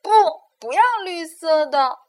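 A woman's voice: sits high, animated, slow pace, creaky, voice pushed up, full character voice. A woman doing a shy little green wolf. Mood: insistent. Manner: timid and earnest, then insistent.

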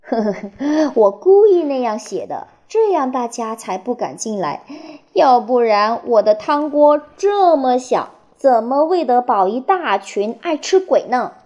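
A woman voicing a gentle, chuckling old lizard granny while reading a storybook aloud. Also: high-pitched, expressive, measured pace. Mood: kindly.

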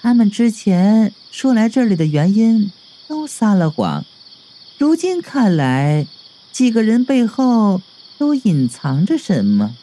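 A man's voice: high voice, very animated, takes it slowly, dark tone, voice pushed up, exaggerated voice. A man voicing a coy female fox spirit in an audiobook, speaking in a pouty, teasing way. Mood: thoughtful.

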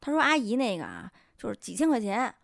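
Lady telling a funny story on a podcast, high voice that swoops all over, dry close sound. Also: fast talker, vocal fry, no echo. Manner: animated, laughs often, acts out quoted voices. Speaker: podcast host. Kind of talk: casual storytelling chat.

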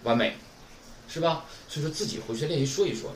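A man teaching a recorded Japanese lesson. He keeps asking rhetorical questions and models pronunciation slowly and clearly. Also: fairly high pitch. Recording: roomy with faint background noise.

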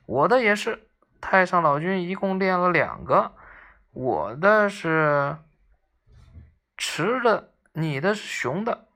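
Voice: mid-range voice, very animated, slow, pauses often, bright, forceful tone, heavily acted. A narrator voicing a cocky monkey king. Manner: taunting, bold.

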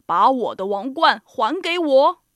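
A woman putting on a big stubborn elephant, low and forceful, storybook animal. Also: sing-song, a little slow, dry recording, exaggerated voice. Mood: demanding.

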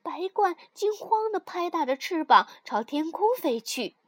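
A woman reads a bedtime story to children, slowly and soothingly. Her high voice rises and falls with a lot of expression. The sound is dry and close to the mic. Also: no echo. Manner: slow, soothing, expressive reading.

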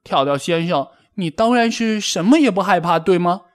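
A man doing a shrill timid bunny girl. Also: very animated, measured pace. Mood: indignant. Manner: shrill, panicky. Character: timid excitable young female rabbit.

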